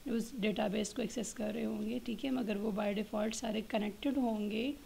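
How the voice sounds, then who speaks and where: A woman giving a slide lecture, reading each point slowly and then explaining it with many pauses and fillers. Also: mid-range voice, steady tone, creaky, a little mellow, a little hiss or hum, low-quality recording. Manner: explains in Hindi-Urdu mixed with English terms, many fillers. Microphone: voice-over on slides.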